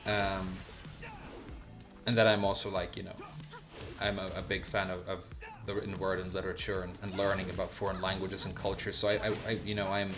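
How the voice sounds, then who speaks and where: A Swedish live streamer with a low voice offers casual, unscripted chat and game commentary. He speaks haltingly and off the cuff, searching for words and making repeated false starts.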